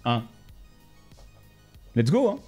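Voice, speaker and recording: A man's voice: medium pitch, wildly swooping pitch, extremely slow, breathy edge, soft background music. A man streaming live, chatting casually and jokingly with his viewers. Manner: chatty, joking, addresses viewers as ladies and gentlemen.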